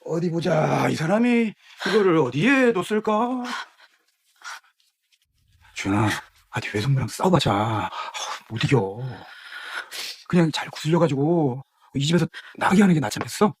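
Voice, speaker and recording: A meek, placating uncle. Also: male voice, a little high, sing-song, normal speed, husky, exaggerated voice. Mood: evasive, soothing. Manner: fussing, soothing, evasive. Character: weak-willed, placating middle-aged uncle. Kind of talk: dubbed TV drama acting.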